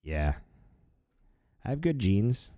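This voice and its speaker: A man in his thirties hosting a live stream, talking in a relaxed, chatty way with lots of fillers. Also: lowish voice, takes it slowly, no echo, studio quality. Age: 30s. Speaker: livestream host. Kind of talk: casual live-stream chat.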